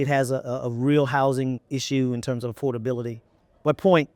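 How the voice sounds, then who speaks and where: As a guest at an indoor event interview, a middle-aged CEO from Texas gives conversational answers in an American accent, repeating phrases for emphasis. His medium-pitched voice has a darkish tone, and the lapel mic picks it up with no echo.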